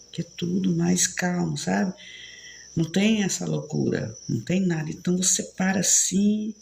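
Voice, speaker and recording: A woman's voice: fairly low pitch, gravelly, a little mellow, a little hiss or hum. A woman in her fifties from São Paulo, with a São Paulo accent mixed with Bahian, chatting casually and rambling as she hosts a live stream and reads viewer comments. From São Paulo, Brazil. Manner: chatty, rambling, frequent tag questions. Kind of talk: casual chat.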